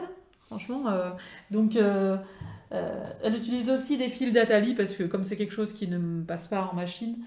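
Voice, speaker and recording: A woman's voice: mid-range voice, a little mellow, reverberant. A woman with a French accent chatting casually about her craft projects, with many fillers and restarts. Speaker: craft vlogger. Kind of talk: casual show-and-tell chat.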